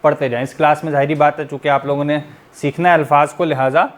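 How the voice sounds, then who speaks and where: A man's voice: on the high side, steady tone, fast talker. A man teaching tajweed to a class, patiently explaining and demonstrating each letter sound. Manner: patient, explanatory, often checking in with "theek hai".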